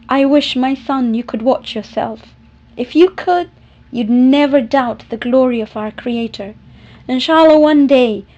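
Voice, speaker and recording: A woman reading heartfelt letters aloud in a tender, unhurried way. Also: fairly high pitch, darkish tone. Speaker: reader of letters. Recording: dull lo-fi recording.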